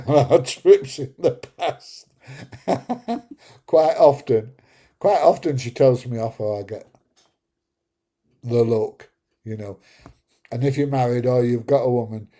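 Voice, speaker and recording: A middle-aged man hosts a casual livestream chat, reading viewer comments, rambling through jokey stories and chuckling at his own tales. His voice is mid-range and mellow.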